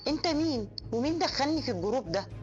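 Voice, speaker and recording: A bewildered young man with an Egyptian accent asks startled questions in a fast, slightly raised voice, as a woman narrator puts him on. The storybook audio is dull and lo-fi, with faint music underneath. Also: high-pitched, animated. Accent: Egyptian Arabic.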